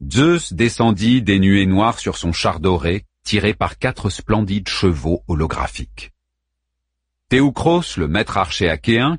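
A man narrating an audiobook in a steady, measured way. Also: sits low, husky, no room sound, studio quality. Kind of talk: scripted narration.

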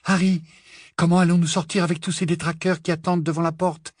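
A guy reading as a bossy clever teen witch, raised high voice, clipped and urgent, husky edge. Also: level tone, brisk, darkish tone, no room sound, studio quality, lightly acted. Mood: worried. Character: quick-witted teenage girl witch, bossy and anxious.

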